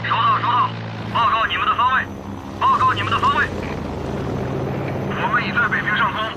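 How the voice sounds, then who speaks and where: An actor playing a brisk military radio controller who repeats call signs and reads out landing instructions over a radio link to a cockpit headset. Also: male voice, sits high. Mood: brisk, procedural. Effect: radio transmission to a cockpit headset. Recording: radio voice over heavy aircraft noise.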